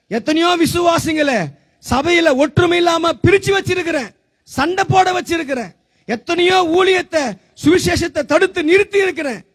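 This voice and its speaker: A man playing a gloating evil spirit who boasts slowly and menacingly about tempting a young believer in a church skit. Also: very high-pitched. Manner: slow, menacing boasts with laughter.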